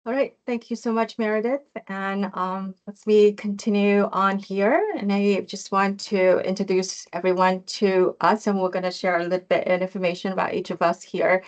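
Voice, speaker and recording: A woman's voice: mid-range voice, level tone, normal speed, few pauses. A woman from Cambodia, a professor hosting an online information session and speaking hesitantly with many fillers and restarts over a video call.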